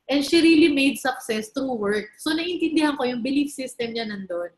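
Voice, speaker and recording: Woman around 30 doing a motivational talk, high voice, keeps asking the crowd stuff, echoey hall. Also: lively intonation, moderate pace. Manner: chatty storytelling, mixing in English, asks the crowd questions. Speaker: network marketing speaker. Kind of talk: motivational stage talk to an audience.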